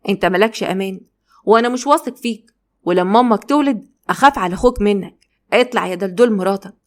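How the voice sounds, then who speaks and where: A woman with an Egyptian Arabic accent voicing a stern middle-aged father who scolds and threatens loudly. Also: mid-range voice, rapid-fire, close to an everyday voice. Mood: scolding.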